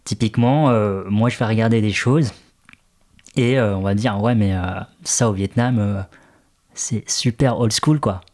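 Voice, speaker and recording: A man's voice: fairly low pitch, unhurried, darkish tone. A man who grew up in France, talking in an interview, hesitant with many fillers. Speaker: interview guest, café co-founder. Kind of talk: casual interview talk.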